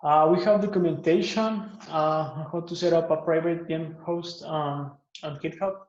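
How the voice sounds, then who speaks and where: The recording, echoey and a bit muffled, captures a man from Guatemala, an open source maintainer, pitching his project at a conference. His slightly high voice moves at a moderate pace, relaxed but peppered with "uh," "um," and restarted sentences.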